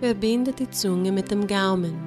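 A woman with an American accent in her German, a native English speaker, leading a guided meditation in measured, solemn short phrases. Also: medium pitch, over music. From United States. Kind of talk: guided meditation, consecutive translation.

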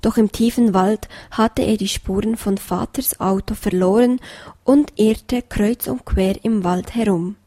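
A woman reading a children's story aloud with slow, gentle storytelling. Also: medium pitch, fairly even intonation, no echo, clean studio sound. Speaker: reader.

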